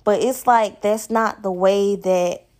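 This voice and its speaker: A woman's voice: mid-range voice, fairly even intonation, slow pace, darkish tone. A young woman hosting a solo podcast, giving blunt, profane advice in casual talk. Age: young adult. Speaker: podcast host.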